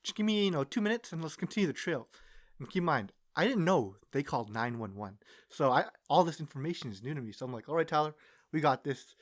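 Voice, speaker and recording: A man co-hosting a podcast, telling his side of a story in casual chat, often quiet and mumbly. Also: on the high side, animated, fast talker. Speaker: podcast co-host.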